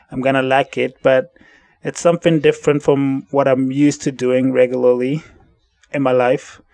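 A man's voice: mid-range voice, vocal fry, no room sound. A man hosting a casual solo podcast, rambling and correcting himself as he thinks aloud at home in the evening. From central United States. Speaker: podcast host.

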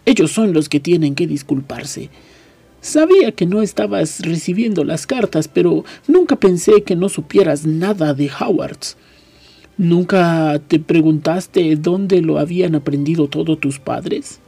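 A man voicing a booming, furious giant. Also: animated, a little slow, gravelly, mellow, slightly rough, heavily acted. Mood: indignant. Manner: roaring, indignant.

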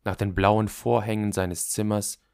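A man narrating an audiobook in a measured, literary reading. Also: fairly low pitch, level tone, gravelly, a little mellow, clean tone, no room sound, studio quality.

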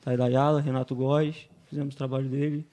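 A man's voice: mid-range voice, level tone, a little fast, mellow. A man with a Brazilian accent, a painting business owner who is a podcast guest, talks casually as a chatty storyteller who keeps tagging his sentences with "né?". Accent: Brazilian Portuguese. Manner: chatty storyteller, constantly adding "né?".

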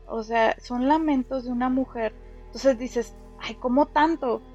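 A woman tells a ghost story in lively, slangy chat. Her voice sits high. The recording sounds a little dull and lo-fi. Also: a little slow, soft background music.

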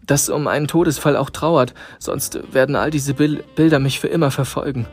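A man voicing a fearful, repentant old miser who pleads in high, rising cries. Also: steady tone, moderate pace, faint music behind, close to an everyday voice. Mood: fearful pleading.

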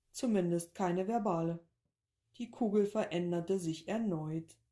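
Woman, storyteller, calm scripted narration, mellow warm tone, lowish voice.

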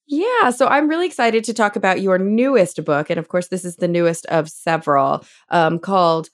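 Podcast host, woman in her thirties, upbeat and chatty, lowish voice, dry close sound. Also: moderate pace, dry recording. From Texas. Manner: upbeat, laughs easily. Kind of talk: casual interview chat.

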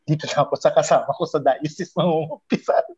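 A woman's voice: low voice, steady tone, quick pace, dark tone, slightly rough. A young woman casually telling an emotional personal story, laughing often as she shares it with a friend. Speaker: guest sharing a testimony. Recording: dull lo-fi recording.

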